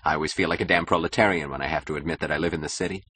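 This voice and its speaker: A man's voice: rumbling low, fairly even intonation, very fast, pushed and bright, slightly rough, heavily acted. A man voicing an insecure, status-hungry young husband who talks eagerly and boastfully in an audiobook. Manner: eager, boastful, nervously defensive. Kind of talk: audiobook character voice.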